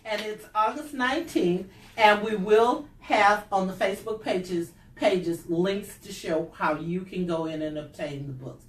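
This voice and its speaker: Older woman giving cheerful shout-outs, roomy. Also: medium pitch, a little slow, few pauses, far from the mic, background noise. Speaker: author and host. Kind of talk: announcements and thank-yous.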